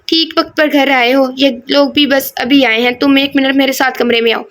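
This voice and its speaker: A woman's voice: high-pitched, steady tone, a bit bright. A woman voicing a strict, exasperated middle-aged mother who gives orders in an audio novel. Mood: stern. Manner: bossy, exasperated.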